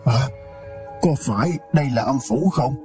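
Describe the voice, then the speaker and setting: A man's voice: medium pitch, expressive, moderate pace, a little mellow, faint music behind, lightly acted. A man voicing a grieving old rich father, pleading and lamenting in a storybook reading. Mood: bewildered.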